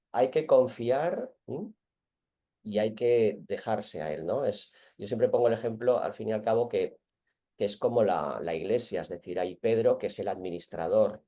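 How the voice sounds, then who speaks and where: A man with an accent from Spain hosting an online group call, chatting informally in a halting, self-correcting way. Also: lowish voice, dark tone. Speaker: host of an online group meeting. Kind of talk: casual chat.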